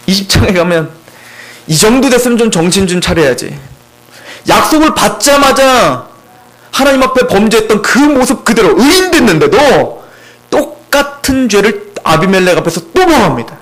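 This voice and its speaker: Man, pastor, preaching conversationally with a high, very animated voice. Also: moderate pace, poor audio. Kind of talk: expository sermon. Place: church sanctuary.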